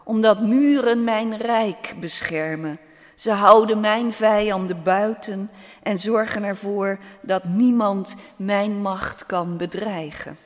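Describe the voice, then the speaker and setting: A man voicing a proud, gruff king who grumbles and scoffs, in a storybook. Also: high voice, slow. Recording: long hall reverb.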